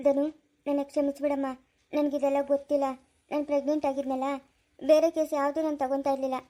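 Fast-talking woman in a family drama. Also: high-pitched, flat delivery, warm tone. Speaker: family channel actor. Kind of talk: homemade family drama acting.

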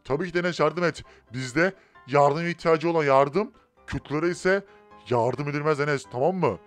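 An easygoing town mayor on the phone, as a man puts him on in a Minecraft role-play, speaking a little higher than usual. Soft game music plays underneath. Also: moderate pace, lightly acted. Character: calm adult male town mayor on the phone.

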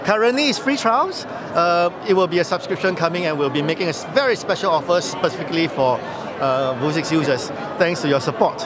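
High-voiced man pitching at a busy expo. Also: lively intonation. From Singapore. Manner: brisk, persuasive pitch with frequent filler "uh". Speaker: company tech chief giving a product demo. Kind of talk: trade-show product interview. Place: busy indoor trade-show hall. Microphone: handheld camera mic held close. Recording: loud trade-show crowd. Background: loud crowd chatter.

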